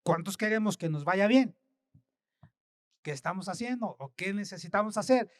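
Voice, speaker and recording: High-voiced preaching man, dry close sound. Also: expressive, normal speed, dry recording. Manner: swings from loud emphatic scripture reading to soft murmured asides. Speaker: pastor. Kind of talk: sermon.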